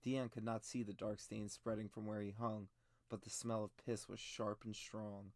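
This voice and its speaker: Man narrating a fantasy audiobook, steady and measured, dry close sound. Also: on the low side, no echo. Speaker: audiobook reader. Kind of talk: scripted narration.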